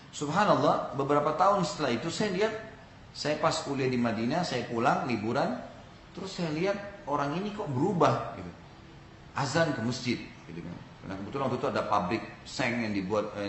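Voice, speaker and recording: A man's voice: mid-range voice, roomy sound, a little hiss or hum, rough recording. A man from Indonesia giving an Islamic sermon, telling a story and speaking directly to his audience. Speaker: preacher.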